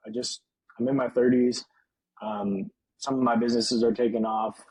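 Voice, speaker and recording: A man in his early thirties talks easily as a podcast guest, laughing now and then and leaning on fillers. His voice is mellow and slightly husky. The sound is dry and close. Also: medium pitch, no echo, low-quality recording. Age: 30s. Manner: easygoing, laughs often, many fillers. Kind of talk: casual interview chat.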